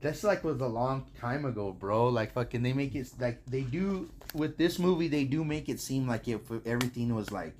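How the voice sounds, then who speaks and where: A man's voice: mid-range voice, lively intonation, normal speed, hardly any pauses, darkish tone, a little hiss or hum. American frat-bro guy chatting casually. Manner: frat-bro talk, slangy and heavily profane. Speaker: podcast co-host. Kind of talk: casual chat.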